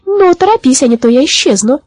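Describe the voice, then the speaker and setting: A woman voicing a cheerful, mischievous little witch in a high, lively, teasing voice. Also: fairly quick, dry recording. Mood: playful.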